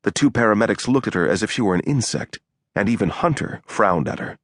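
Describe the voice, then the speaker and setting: A man narrating an audiobook in a measured, even storytelling manner on a close studio mic. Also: on the low side, no room sound. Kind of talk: scripted narration.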